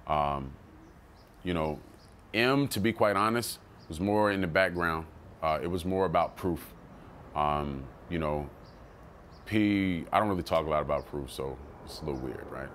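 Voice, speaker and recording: Male rapper, low voice, casual and animated storyteller, quotes people in bursts, swears freely. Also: measured pace, a little hiss or hum. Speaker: rapper telling his story.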